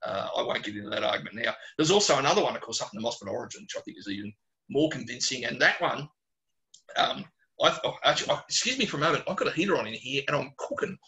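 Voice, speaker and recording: On a webinar video call from a small closed room at home or in an office, an Australian geologist answers questions informally. He speaks bluntly and colloquially at a quick pace, with animated digressions and a medium-pitched voice, and the recording quality is low.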